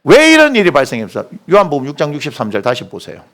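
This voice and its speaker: A male pastor preaching a sermon in a church. He tells stories in an animated way and keeps asking the congregation questions. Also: on the high side, rapid-fire. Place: church sanctuary.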